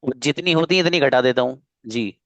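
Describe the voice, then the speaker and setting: A man's voice: mid-range voice, a little fast, fairly bright tone, no room sound. Earnest male online teacher, coaxing and repetitive, close and dry. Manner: coaxing, earnest, repeats himself. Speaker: English teacher. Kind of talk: online spoken English class.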